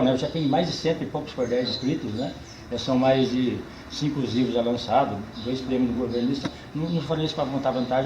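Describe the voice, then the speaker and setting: An older man with a caipira accent from the São Paulo countryside, a cordel poet chatting casually with a tour group in a folksy, animated way, drawing words out for emphasis. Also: mid-range voice, reverberant, noisy background. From Brazil.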